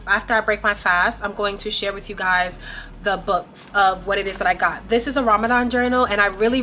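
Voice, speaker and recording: A young woman vlogs casually to camera in a mid-range voice with a sharp tone, explaining things chattily and filling her speech with lots of "um" and "like." Arabic is not her first language, and there's slight background noise.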